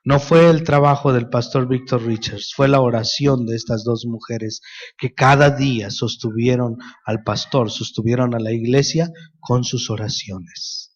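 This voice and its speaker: A man's voice: mid-range voice, fairly even intonation, unhurried, dull audio. A middle-aged man with a Mexican Spanish accent, a pastor preaching a sermon, telling stories and addressing the congregation as brothers.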